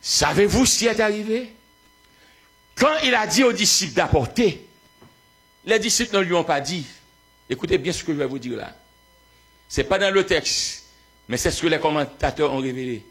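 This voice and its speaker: A Haitian-accented male pastor delivers a sermon in a high, husky, bright voice. His pitch leaps widely as he moves from unhurried storytelling to loud exhortation. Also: expressive. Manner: fervent preaching that swings between quiet telling and shouted exhortation.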